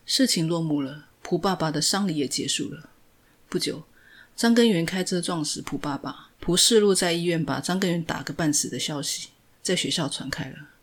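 A woman podcast host narrating a recap of a drama episode in steady, scripted storytelling. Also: low-pitched, moderate pace.

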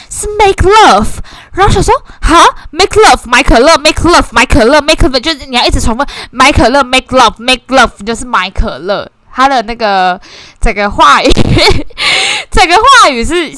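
A young woman talks casually and animatedly, often restarting her sentences and poking fun at herself. Her voice is bright and ringing and sits a little high. The sound is dry and close, with almost no room around it. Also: dry recording. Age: 20s. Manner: animated, self-mocking, frequent restarts and bursts of laughter. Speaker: course participant sharing reflections. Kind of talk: casual spoken sharing.

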